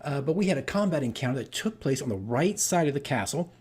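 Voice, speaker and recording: A dungeon master hosts a casual campaign diary vlog, telling stories in a rambling, self-deprecating manner and repeating phrases for emphasis. His medium-pitched voice is a little mellow, very animated and quick.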